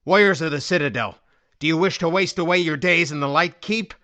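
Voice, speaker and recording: A man playing a defiant warrior commander in a fantasy audiobook, with a hoarse, cracking but strong voice and an impassioned, oratorical delivery. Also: a little high, a little fast, bright, forceful tone. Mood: rousing, resolute. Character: defiant, fervent male warrior commander rallying his army. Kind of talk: dramatic fantasy audiobook acting.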